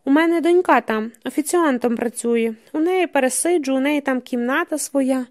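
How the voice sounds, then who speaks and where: A woman reading an audiobook, voicing a shabby, yellow-toothed middle-aged man who talks in an uneasy, rough, colloquial way. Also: high voice, normal speed, close to an everyday voice.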